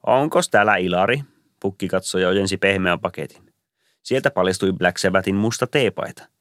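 Brief: low-voiced man, steady scripted story narration, dead-dry studio sound. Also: no echo.

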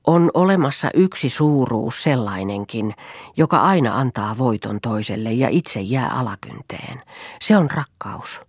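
A woman's voice: rumbling low, expressive, husky, dry recording, studio quality, exaggerated voice. A woman reading as an impassioned pleading man. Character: passionate man pleading with an old friend.

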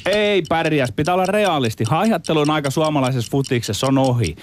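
A man co-hosting a sports debate show who delivers blunt, scornful verdicts and brushes off his opponent's claims. His voice sits somewhat high for a man, with faint noise behind it. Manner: mocking, dismissive, blunt.

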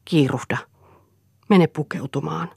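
Firm restrained wife, pleading but steady, lady reader doing her, dry sound. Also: deep voice, gravelly, husky, dry recording, pitched above the performer's own voice, exaggerated voice. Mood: warning. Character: tense, controlled, reproachful wife. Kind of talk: audiobook character voice.

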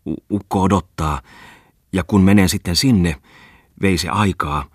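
A man's voice: sits low, a little mellow, husky, no room sound, studio quality. A man voicing a timid young male clerk who stammers nervously and pleads. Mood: pleading. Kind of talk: audiobook character voice.

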